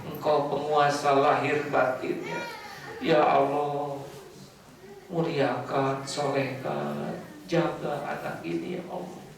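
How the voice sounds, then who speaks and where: A humble mother prays in a soft, pleading voice, spoken by a male preacher. She talks slowly and gently, at an ordinary pitch. The sound is distant and reverberates through a big hall. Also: fairly even intonation, creaky, noisy background. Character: humble mother praying tearfully for her child. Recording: echoey hall from far off.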